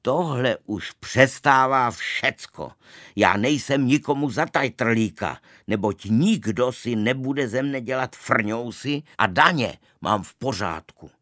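Blustering confectioner, bellowing and indignant, low gruff tone, dry sound, put on by a male narrator. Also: expressive, dry recording. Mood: furious. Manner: loud and indignant. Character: hot-tempered male confectioner, middle-aged.

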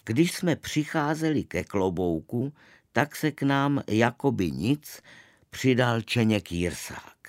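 A man reading a storybook tale aloud, expressive, swinging between loud outbursts and soft asides. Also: medium pitch, dry recording, studio quality. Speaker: narrator.

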